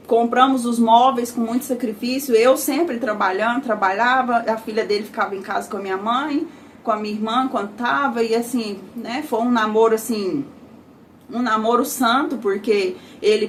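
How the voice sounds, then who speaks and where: Emotional Brazilian woman with a higher voice. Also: a little hiss or hum. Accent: Brazilian Portuguese. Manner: emotional, frequent filler tags like "né" and "sabe". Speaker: personal testimony narrator. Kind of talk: personal testimony, conversational storytelling.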